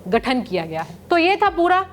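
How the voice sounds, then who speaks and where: A woman presenting a scripted news report in a measured, formal way. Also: sits high, sing-song, a little hiss or hum.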